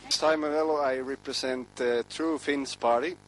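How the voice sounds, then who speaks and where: Twenties Finnish-accented man, formal intro, mid pitch, faint hum. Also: steady tone, normal speed, poor audio. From Finland. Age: 20s. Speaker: party board member.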